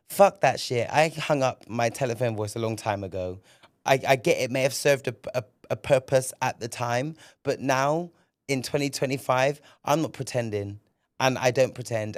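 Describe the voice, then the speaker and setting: A man hosting a podcast in casual commentary, candid and animated, swearing freely and repeating words when he gets excited. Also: medium pitch, no echo, studio quality. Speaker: podcast host.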